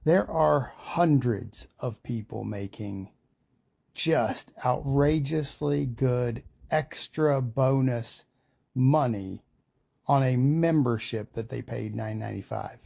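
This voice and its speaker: A man's voice: medium pitch, slow, creaky, mellow. A man leading a network marketing team call, talking in a casual, emphatic and repetitive way. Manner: casual, chatty. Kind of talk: motivational call talk.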